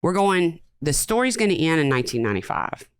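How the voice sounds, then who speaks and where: A woman's voice: deep voice, fairly quick, slight background noise. A woman hosting a podcast in casual, joking chat. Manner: chatty, joking, animated. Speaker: podcast host.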